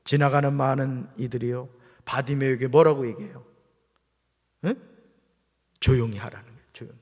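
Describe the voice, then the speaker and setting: A man's voice: mid-range voice, little pitch movement, moderate pace. A male pastor preaching a sermon with emphatic delivery, pulling call-and-response from the congregation. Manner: emphatic preaching, rising to shouts, drawing replies from the congregation. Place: church sanctuary. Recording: reverberant church sanctuary.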